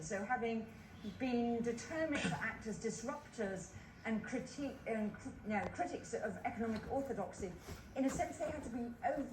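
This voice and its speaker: Female panel commentator, fairly high voice, considered and halting, with clear background noise. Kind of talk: live broadcast political analysis. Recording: roomy, distant, clearly noisy broadcast.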